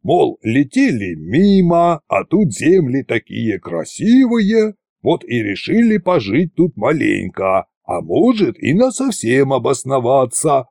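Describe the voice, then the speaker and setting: A man voicing a bossy, scheming old male tsar in an audiobook, slow and commanding in a folksy way. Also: mid-range voice, wildly swooping pitch, gravelly, a little mellow, no room sound, studio quality, voice pushed up, exaggerated voice. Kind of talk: audiobook character reading.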